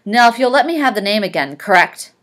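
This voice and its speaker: A woman doing a gruff, bossy rich young man. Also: fairly high pitch, lively intonation, a little fast, fairly bright tone, voice pushed up. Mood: commanding. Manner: commanding, curt.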